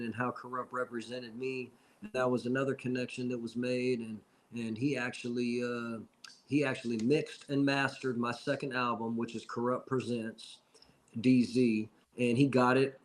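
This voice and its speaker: A man in his forties, a rapper guest, tells stories in a loose, rambling way. He keeps dropping in "you know what I mean" as he goes. His voice sits at an ordinary middle pitch. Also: rough recording. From Seattle. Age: 40s. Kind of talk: casual storytelling.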